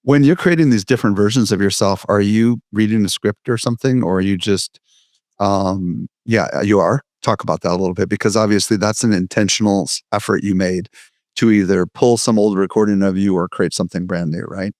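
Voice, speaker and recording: Low-voiced man hosting an interview. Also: fairly quick, darkish tone, no room sound, clean studio sound. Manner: casual, conversational. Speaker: podcast host. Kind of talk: interview questions.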